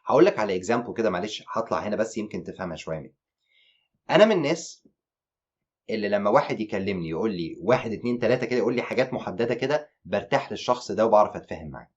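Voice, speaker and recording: A man with an Egyptian Arabic accent teaching an online exam-prep lecture, animated and mixing English terms into his explanations. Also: lowish voice, very fast, husky, lo-fi sound.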